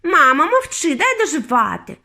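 A woman's voice: sits high, very animated, vocal fry, fairly bright tone, pitched above the performer's own voice, heavily acted. A woman voicing a spoiled, greedy girl who draws out her words with relish in a storybook reading. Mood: bossy. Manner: drawn-out, relishing, bossy. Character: spoiled gum-chewing girl, bratty and greedy.

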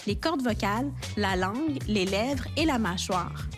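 A woman giving calm scripted documentary narration in an even, informative way. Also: mid-range voice, measured pace, over music.

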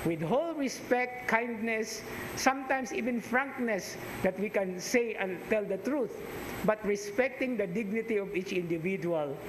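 A middle-aged priest with a Cebuano Filipino accent giving a conversational, teacherly homily, dropping into Cebuano asides. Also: male voice, high-pitched, normal speed. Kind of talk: sermon. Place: chapel altar, indoors. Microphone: stand mic at pulpit. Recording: echoey church with background hiss.

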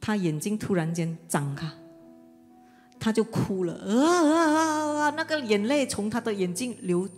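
A middle-aged woman pastor from Indonesia, giving an earnest personal testimony sermon with hesitant pauses. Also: medium pitch, lively intonation. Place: church auditorium. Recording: long hall reverb with soft music. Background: soft instrumental music.

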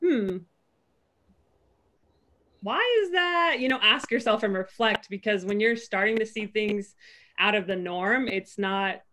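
A woman's voice: medium pitch, unhurried, pauses often, sharp tone. A young woman with a mid-range voice talks earnestly on a video call from home, thinking aloud through her points. She peppers her speech with "like" and slips into short playful voices when quoting her own thoughts. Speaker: panelist, pro basketball player. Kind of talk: panel discussion on a video call. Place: home room. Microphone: video call, laptop webcam.

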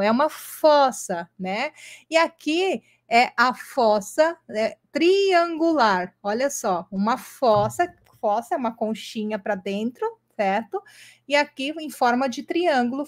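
Woman, online teacher, unhurried and patient, fairly high voice. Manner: slow, patient, checks in with "tá?" and "ok?". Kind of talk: online lesson with screen drawing.

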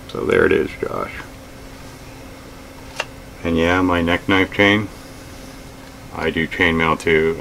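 Speaking to a camera across the table, a middle-aged outdoors vlogger discusses his gear in a slow, easygoing, plain-spoken way, his deep, gravelly voice peppered with ums and uhs. A faint air conditioner hums in the small room full of gear shelves, and the poor audio carries a little hiss or hum.

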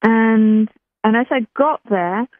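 A woman's voice: a little high, takes it slowly, no echo. A woman from Chile, a guest telling a personal story in a chatty way, often restarting her sentences. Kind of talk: casual interview storytelling. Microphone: telephone. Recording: tinny phone line, dry.

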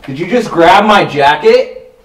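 A young man talking in casual slang on a night ghost-hunting vlog, excitable and repeating himself as if startled. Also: high voice, unhurried. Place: abandoned corridors and rooms at night. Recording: echoey, noisy, distant camera sound.

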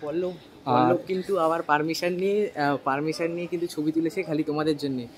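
Off-camera male friend, bantering and teasing, quick flat delivery. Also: fairly high pitch, a little hiss or hum. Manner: joking, teasing, calls out to the host.

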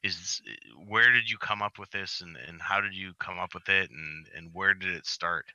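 A man chatting on an online panel, asking a question haltingly with many restarts. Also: low-pitched, fairly even intonation, sharp tone, dry recording, lo-fi sound. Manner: hesitant, repeats words as he asks. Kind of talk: casual chat.

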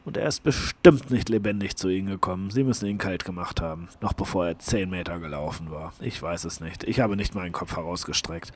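A man reading a first-person memoir aloud as an audiobook, dramatic at times and hushed at others. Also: deep voice, a little hiss or hum. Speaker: audiobook reader. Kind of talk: scripted narration of a memoir.

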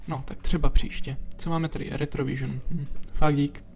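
A man giving relaxed let's play commentary, chatting to himself and to the enemies as he plays. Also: a little high. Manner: chatty, talks to himself and to enemies while playing. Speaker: gameplay commentator. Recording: faint background game music. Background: game music.

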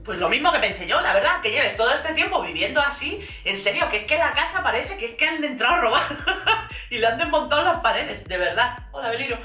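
A woman with a Spain Spanish accent recaps a reality show in slangy, exasperated commentary. Her voice is bright and a touch high. She sounds set back from the mic in an echoey room, with faint music underneath. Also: very animated, fairly quick, distant mic.

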